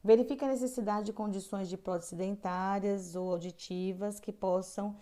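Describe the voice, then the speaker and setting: A middle-aged woman reads caregiver-course guidelines aloud, adding earnest asides, hesitating often, and stressing the key points. Her voice sits at medium pitch with a dark, steady tone, and she speaks at a normal pace.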